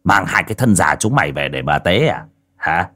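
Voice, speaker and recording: A man voicing a cruel old landlord who barks gruff orders. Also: low-pitched, very animated, normal speed, fairly bright tone, voice pushed down, exaggerated voice. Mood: angry.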